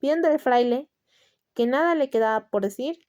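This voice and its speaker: A woman with a Latin American Spanish accent reading a classic tale aloud as an audiobook narrator, in a steady, measured way. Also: high voice, highs cut off.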